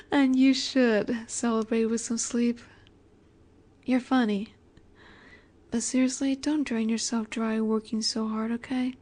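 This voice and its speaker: Slow and gentle, with long pauses, a woman plays a composed, playful young vampire in an intimate roleplay recording, adding breathy asides. Her pitch is fairly high and her tone steady, and the feeling is warm and caring.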